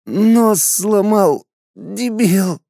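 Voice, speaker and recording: A battered young woman, tied up, spits insults in a shrill, raised voice. A man puts her on with a dark timbre showing through, recorded close and dry. She swings between snarling and sobbing. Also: normal speed, dry recording. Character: furious injured young woman captive.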